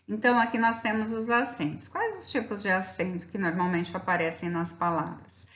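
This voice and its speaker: Woman teacher, grammar lesson, patient, slow drawn-out examples, echoey room, muffled lo-fi sound. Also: mid-range voice, a bit bright. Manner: patient, stretches out example words slowly. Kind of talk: explaining slides in a grammar lesson. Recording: roomy, dull lo-fi sound.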